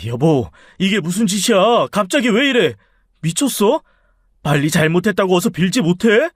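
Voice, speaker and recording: A man playing a flustered, defensive husband in an audiobook drama, pleading and demanding explanations. His voice is high for a man and sounds dry and close. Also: big pitch swings, moderate pace, no room sound.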